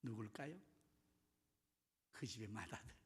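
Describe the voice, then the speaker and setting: A man preaching a sermon as pastor, dramatic, swinging between loud bursts and whispers and asking the congregation questions. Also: on the low side, unhurried, breathy edge, big-room sound.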